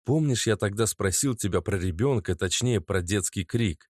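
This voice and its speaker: A man's voice: lowish voice, moderate pace, dry recording, clean studio sound, close to an everyday voice. A man voicing a nervous young boyfriend who earnestly pleads to be believed.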